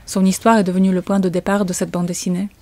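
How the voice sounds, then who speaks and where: A woman's voice: medium pitch, level tone, quick pace, a little mellow. A woman, telling a suspenseful first-person story as a comic author. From Poland.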